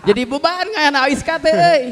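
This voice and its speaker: A man's voice: very high-pitched, normal speed, a crowd in the background. A man from West Java with a Sundanese accent and a lisp that blurs his r, telling jokey, self-deprecating stories in a casual interview. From West Java, Indonesia. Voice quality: lisp, cannot pronounce r clearly. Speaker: stand-up comedian guest. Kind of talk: casual comedic interview chat. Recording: long hall-like reverb.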